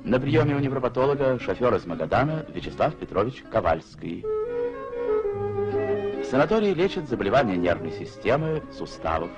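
A man's voice: mid-range voice, very animated, brisk, dull audio. A man reading the narration of an old 1950s newsreel in a solemn, declamatory manner. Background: plucked guitar music.

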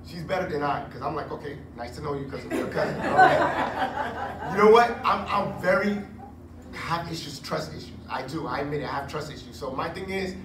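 A man in his forties preaching a sermon on a church stage into a handheld mic, chatty and animated with joking asides. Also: on the high side, fairly quick, distant mic. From Puerto Rico heritage. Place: church stage with curtain backdrop. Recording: echoey room, recorded from afar, noisy.

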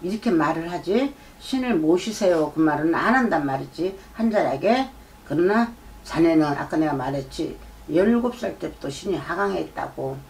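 A middle-aged woman, a shaman giving a fortune-telling consultation, speaks in a low, darkish voice with lively intonation at a moderate pace. She lectures, repeats herself and keeps prompting with "eh?". The camera sits far off in a shrine room with a folding screen and a drum, so there is faint room ambience.

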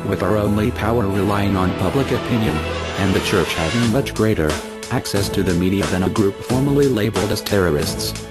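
A man delivering a formal, measured scripted statement as an anonymous spokesperson, his voice disguised to sound deep. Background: music.

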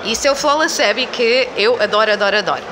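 Beside a booth wall at an indoor festival, a community manager for a game publisher, a woman in her twenties with a European Portuguese accent, gives effusive, emphatic interview answers full of repetition. She talks fast in a voice on the high side, with crowd noise and loud event-floor bustle around her.

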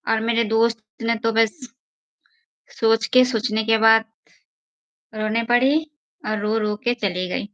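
A woman's voice: fairly high pitch, flat delivery, slow pace, long pauses, fairly bright tone, no room sound, highs cut off. A young woman chatting casually on a live stream, coaxing and pleading with viewers in a playful way.

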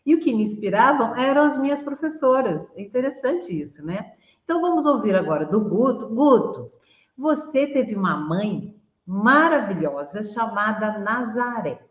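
A woman hosting an interview over a video call, effusive and quick to laugh. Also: on the high side, big pitch swings. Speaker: host. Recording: roomy, dull lo-fi video call audio.

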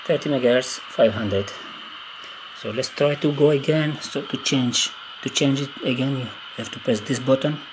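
Working indoors at a wooden table, a man whose English is a second language casually demonstrates his amateur radio gear without a script, his mid-range voice halting as he hesitantly thinks out loud. Handheld camera audio records him clearly, with background noise present.

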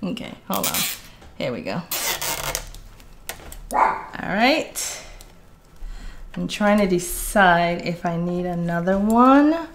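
Taking her time with long pauses, a middle-aged woman chats casually while hosting a live craft tutorial in a room at home, calling viewers "guys" as she works. Her lowish voice is very animated, and a little hiss or hum sits under the recording.

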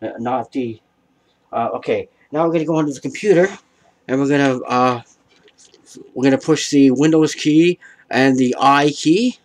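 A man's voice: mid-range voice, moderate pace, long pauses, low-quality recording. A man hosting a home tech show, talking step by step in a hesitant, casual way, with many fillers and restarts, recorded by a camera across a dim room at home.

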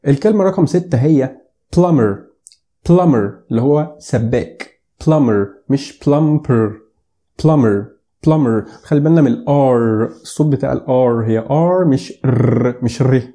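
A young man with an Egyptian Arabic accent gives a casual video lesson on English pronunciation, joking with viewers and repeating words slowly to demonstrate them. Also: mid-range voice, warm tone. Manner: joking, playful asides.

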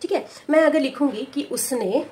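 A woman with a high voice teaches a Hindi lesson for parents of young children. She talks patiently and steadily, repeats key words slowly and keeps checking in with "okay" as she goes. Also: mellow. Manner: patient, repeats key words slowly, says "ठीक है" often, mixes English words. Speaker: preschool teacher.

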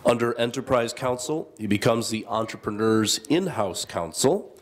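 With a mid-range voice, a man moderating a business panel reads out the speaker introductions. He keeps it measured and formal, slipping in small asides.

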